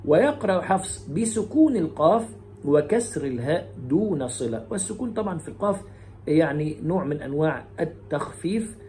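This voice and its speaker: Mellow-voiced man teaching Quran recitation. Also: fairly high pitch, sing-song, slight background noise. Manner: alternates brisk explanation with slow melodic chanting of verses. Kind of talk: lesson on variant Quran readings.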